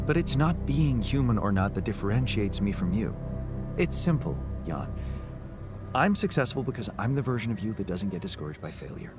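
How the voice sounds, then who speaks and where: An actor playing an ambitious male clone who speaks in a calm, cold, quietly menacing way, like a rogue AI. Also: fairly low pitch. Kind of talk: video game voice acting. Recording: game dialogue with music behind.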